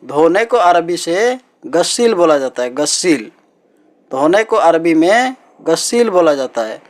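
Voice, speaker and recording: A man's voice: a little high, sing-song. A patient man repeating vocabulary words. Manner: repeats each word several times, slow and patient. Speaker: language teacher. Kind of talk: teaching Arabic words in Hindi.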